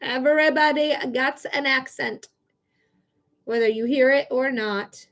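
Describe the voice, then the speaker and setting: A bubbly, chatty woman from Michigan, United States, hosts a live psychic reading stream, laughing often as she casually talks with viewers in her Michigan accent. Her voice is high and bright, at a measured pace.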